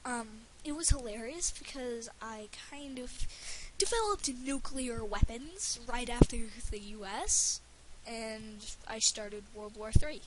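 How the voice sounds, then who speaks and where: Slow and fairly high-pitched, this woman offers loose gameplay commentary for a let's play, stumbling and rambling with plenty of filler words. A faint hiss sits under the audio.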